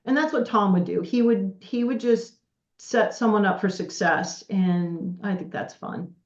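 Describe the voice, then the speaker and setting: A middle-aged woman guest on a podcast, chatting casually and telling stories in an animated way. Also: mid-range voice, a little slow, echoey room, lo-fi sound. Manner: chatty, storytelling, animated quoting. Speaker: podcast guest, partnerships director. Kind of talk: casual conversational chat.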